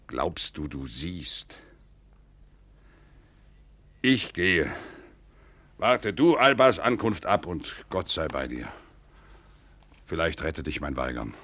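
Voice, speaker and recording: Very deep, slow, grave nobleman Oranien. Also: sharp tone, husky, exaggerated voice. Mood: grave foreboding. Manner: solemn, measured, pleading, declamatory. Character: grave, cautious older nobleman urging his friend to flee. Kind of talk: 1940s German radio drama acting.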